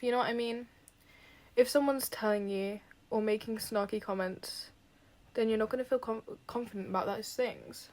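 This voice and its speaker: A young woman giving frank, casual advice in a chatty vlog, full of fillers and swearing. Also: medium pitch.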